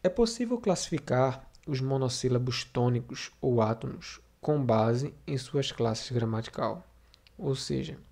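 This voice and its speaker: Mellow-voiced man teaching a video lesson. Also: medium pitch, expressive, measured pace, creaky. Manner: explanatory, repeats and recaps terms, frequent fillers. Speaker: Portuguese teacher. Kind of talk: video lesson for sixth graders.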